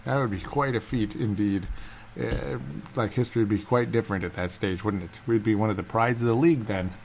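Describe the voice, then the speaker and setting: A man's voice: fairly low pitch, a little fast, darkish tone, slight background noise, low-quality recording. A man hosting a casual solo sports fan show in a subdued, held-back voice, as if not to wake anyone, rambling and repeating himself.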